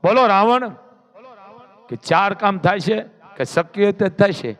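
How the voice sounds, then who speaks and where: A man telling a devotional story in an animated, dramatic, lecturing way. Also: high voice, unhurried. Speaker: religious storyteller.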